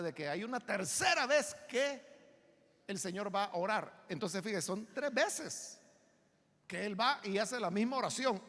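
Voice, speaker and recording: A man's voice: high-pitched, pushed and bright, long reverb tail. A Salvadoran pastor teaching a Bible study sermon in a church. He explains emphatically and often asks listeners to agree. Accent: Salvadoran Spanish.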